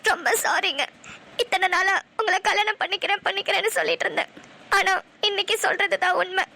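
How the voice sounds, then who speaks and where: A woman's voice: extremely high pitch, fairly even intonation, a little fast, gravelly, pushed and bright, exaggerated voice. A woman voicing a distressed young bride who pleads tearfully in a cartoon. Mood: pleading. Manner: pleading, upset speech. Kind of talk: cartoon voice acting.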